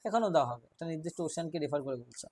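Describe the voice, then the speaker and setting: Guy teacher with a high voice, quizzing the class, reads examples real slow. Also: expressive, darkish tone, dry recording. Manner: quizzes students, reads example sentences slowly. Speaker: English teacher. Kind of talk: classroom grammar lesson.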